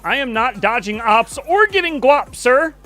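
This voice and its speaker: A man hosting a live stream, chatting casually and excitably, swearing now and then. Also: extremely high pitch, measured pace, soft background music. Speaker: livestream host.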